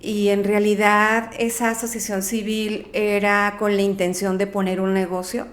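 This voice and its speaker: Chatting at a moderate pace, a middle-aged Mexican-accented woman guests on a casual interview, her pitch typical for a woman. She reasons out loud, counts things up as she goes, and occasionally stumbles over words.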